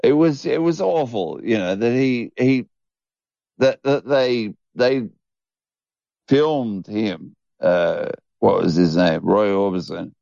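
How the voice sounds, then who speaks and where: A man's voice: fairly low pitch, slow, creaky, dark tone, dry recording, highs cut off. A man in his fifties co-hosting a casual podcast, stammering and repeating words as he trails off. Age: 50s. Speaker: podcast co-host. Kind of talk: casual chat.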